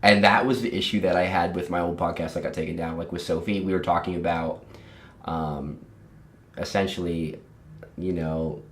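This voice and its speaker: Young male podcast host, very deep, blunt and profane, in a roomy echoing space. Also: fairly even intonation, moderate pace, slight background noise. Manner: blunt, loose, swears casually. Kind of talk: casual chat.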